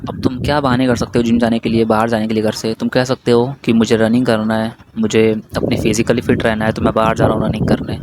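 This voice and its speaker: A young man from India giving casual, brotherly advice straight to the viewer, repeating his points as he goes. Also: medium pitch. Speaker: vlogger. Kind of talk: casual advice talk to camera. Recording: noisy background hiss.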